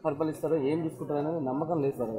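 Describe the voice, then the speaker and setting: A man's voice: on the high side, fairly even intonation, very fast, a loud crowd. A young man, a grieving father, pleading and complaining about the lack of justice. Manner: pleading, addresses listener as sir. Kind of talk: emotional complaint.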